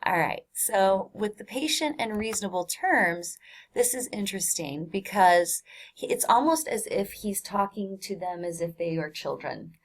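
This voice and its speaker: A woman's voice: medium pitch, expressive, measured pace. A woman teacher explaining a text in a recorded online lesson, in a casual, chatty way with many fillers.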